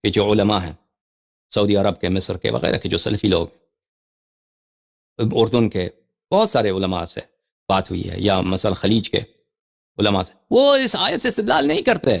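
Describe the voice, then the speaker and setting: Man lecturing with lively rising emphasis. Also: lowish voice, creaky. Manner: reads Arabic passages slowly, then explains with emphatic rises; repeats and restarts phrases while thinking aloud. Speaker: religious scholar. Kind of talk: lecture explaining scripture.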